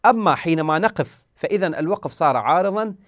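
A man's voice: a little high, expressive, fast, dry recording, clean studio sound. A man teaching a Quran recitation lesson. He asks questions and answers them himself, and sounds out letters to demonstrate.

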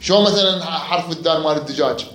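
Bright-voiced grammar teacher. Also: male voice, fairly high pitch, fast. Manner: prompts students with questions and repeats answers. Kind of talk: classroom lecture. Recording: echoey room.

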